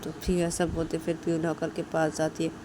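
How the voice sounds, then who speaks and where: A woman narrating a homemade story in a casual, quiet way, linking the characters' lines with short low phrases. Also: monotone, normal speed, slight background noise.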